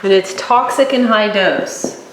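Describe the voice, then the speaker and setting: A woman teaching a course, working through her notes at an unhurried pace with occasional fillers. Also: mid-range voice. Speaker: instructor. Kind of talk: lecture on herbal oils. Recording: echoey room, faint background hum.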